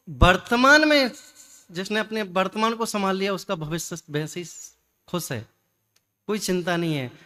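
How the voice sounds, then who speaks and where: Animated man preaching with rhetorical questions. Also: high-pitched. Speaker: Jain scholar giving a discourse. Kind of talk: religious discourse.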